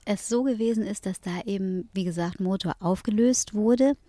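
A middle-aged woman from northern Germany, talking as an interview guest in a thoughtful way, pausing often with fillers. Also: medium pitch, warm tone, dry recording. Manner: thoughtful, with many hesitations and fillers. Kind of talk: reflective conversation.

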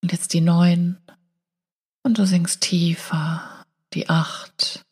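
Woman doing slow hypnotist voice for guided meditation, breathy almost whispery, dark mellow tone. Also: lowish voice, level tone. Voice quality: breathy, often falling near a whisper. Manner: slow hypnotist voice, drawn-out soothing instructions with long pauses. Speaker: meditation guide and show host.

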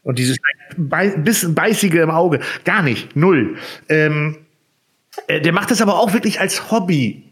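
Male podcast co-host from Germany, slightly high voice, explanatory and filler-heavy. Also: lively intonation, unhurried, fairly bright tone. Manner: explains with figures, many fillers. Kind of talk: casual podcast chat.

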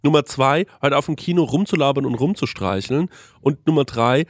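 Lively storytelling man, dry close mic. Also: mid-range voice, fairly quick, no room sound. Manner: lively storyteller who lists points and acts out dialogue. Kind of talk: casual chat.

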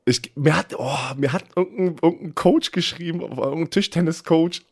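A man in his thirties with a Berlin accent, co-hosting a casual podcast, animated and slangy, stumbling over his words and laughing often. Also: on the high side, moderate pace, slightly rough. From Germany. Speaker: podcast co-host, former football player.

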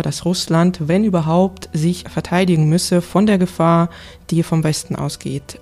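A woman working as a correspondent, explaining things in a conversational reporting style with a creaky voice. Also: deep voice, dark tone.

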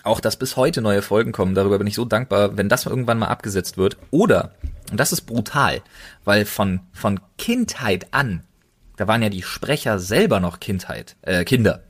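A German-accented man with a fairly low, slightly rough voice co-hosts a relaxed chat podcast, speaking expressively at normal speed. His loose, colloquial talk relies on repeated intensifiers to underline his enthusiasm.

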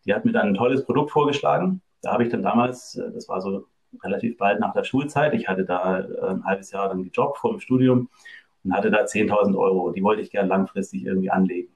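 A man's voice: deep voice, darkish tone. A middle-aged man from Germany, a guest in a casual interview, speaking hesitantly with many fillers.

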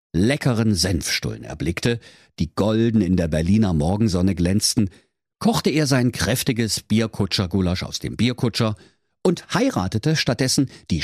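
A storyteller reading a comic fairy tale in a deadpan storybook manner. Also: mid-range voice, husky, no room sound, studio quality.

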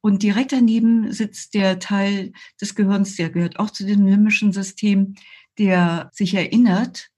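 Older female yoga teacher, husky, measured guest explainer. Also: medium pitch, steady tone, darkish tone. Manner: slow, measured explaining with frequent hesitations. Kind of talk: explanatory interview talk.

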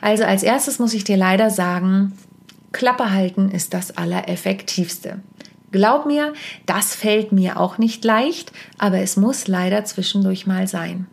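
A middle-aged woman hosts a casual advice podcast, speaking close to her microphone. Her mid-range voice carries a gravelly fry at times. She talks directly to the listener, chatty and self-correcting, with frequent asides. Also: medium pitch, a little slow. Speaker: podcast host and stage coach.

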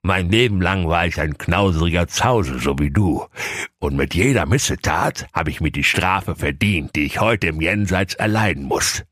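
A solemn old male ghost , as a man puts him on in a comic audio story, warning gravely. The voice sits fairly low and even. The sound is dry and close. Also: moderate pace, no echo.

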